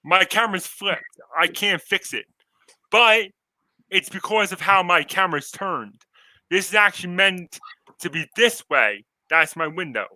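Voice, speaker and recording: A man's voice: high voice, animated, a little slow, pushed and bright, no room sound, low-quality recording. A man in his twenties co-hosting a podcast over a video call, rambling casually and laughing often. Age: 20s. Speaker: podcast co-host.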